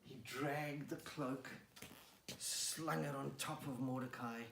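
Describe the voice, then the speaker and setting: A man preacher retelling a Bible story in the first person, animated and lively. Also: takes it slowly, gravelly, slight background noise. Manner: animated, rises to excited high pitch when tense. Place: church hall. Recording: roomy hall, mic at a distance.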